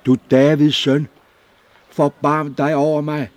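A man with a deep, husky voice voicing a blind old male beggar in a storybook, eager and pleading. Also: fairly bright tone, heavily acted. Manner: fervent, pleading.

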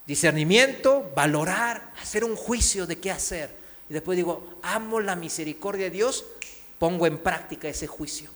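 A man's voice: fairly high pitch, fairly bright tone. A man with a Mexican accent preaching a sermon, emphatic, firing rhetorical questions at the congregation. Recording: long reverb in a hall.

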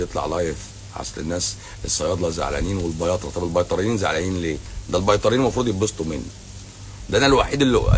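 Low-voiced sarcastic Egyptian man, fast. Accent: Egyptian Arabic. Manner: sarcastic, teasing, blunt and repetitive. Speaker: doctor answering viewer questions on a livestream. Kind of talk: casual livestream Q&A. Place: hotel lobby at night.

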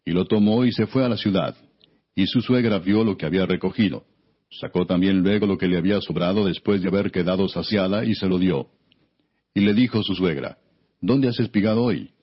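Deep-voiced man reading scripture, slightly husky. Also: a little fast. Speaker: audiobook narrator, scripture reader. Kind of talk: scripted Bible narration. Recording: dull, muffled lo-fi recording.

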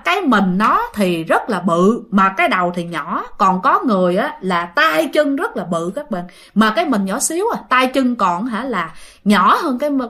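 Bright lively woman storyteller. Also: fairly high pitch. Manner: animated, acts out quoted shouting in a raised voice. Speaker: ghost story narrator. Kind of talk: casual storytelling to listeners.

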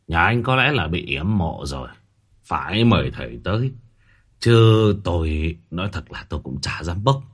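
A man voicing an older gravedigger who speaks low and cautiously in a story. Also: slightly rough, heavily acted. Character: older man, wary grave-digger elder.

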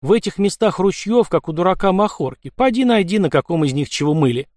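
A man's voice: sits high, animated, fairly quick, darkish tone, dry recording, clean studio sound, voice pushed up. A man voicing a sly, unflappable young Cossack who talks in a wry, matter-of-fact way, in an audiobook. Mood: weary. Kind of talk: audiobook character voice.

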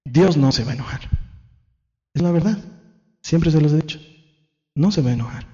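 A male pastor preaching a sermon in an animated way, acting out the excuses people make in little quoted voices. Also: fairly high pitch, moderate pace. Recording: dull lo-fi sound.

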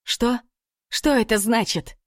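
A woman's voice: on the high side, slow, no echo, studio quality, voice pushed up. A woman voicing a desperate young captive woman, tearful and pleading, in an audiobook.

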